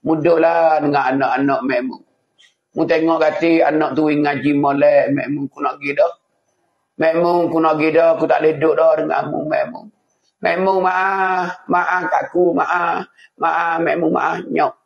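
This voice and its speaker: A man's voice: a little high, little pitch movement, a little fast, gravelly, muffled recording. A man with a Patani Malay accent voicing a dying husband who begs his wife's forgiveness and bids her goodbye. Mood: pleading. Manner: tender, pleading farewells.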